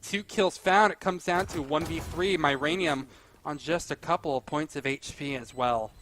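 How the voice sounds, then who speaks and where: A man doing live play-by-play as an esports caster, excitable and conversational. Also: a little high, normal speed, a little hiss or hum.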